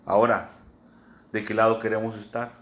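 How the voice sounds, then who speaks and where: A man with a Mexican accent preaching a sermon, teaching slowly and often checking in with "¿verdad?". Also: fairly low pitch, little pitch movement, fairly bright tone. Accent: Mexican Spanish. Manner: unhurried teaching tone, many "¿verdad?" asides, spells words out.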